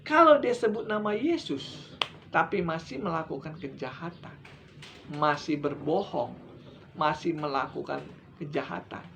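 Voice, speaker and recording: A middle-aged male evangelist delivering a sermon, pushing his voice up loud for emphasis and then sinking to low, hushed endings. The recording sounds a little dull and lo-fi, with a faint hiss behind him. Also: creaky. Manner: emphatic, rising and dropping sharply for stress. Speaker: evangelist preacher.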